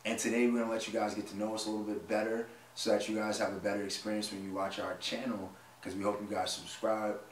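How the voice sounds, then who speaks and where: A man in his late twenties chats casually on a vlog, joking around and laughing often as he tells stories. His voice sits a little low. It was recorded from a distance in an echoey room with a faint hiss behind it. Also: level tone, fast talker, few pauses. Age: 20s. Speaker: vlog co-host. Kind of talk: casual chat.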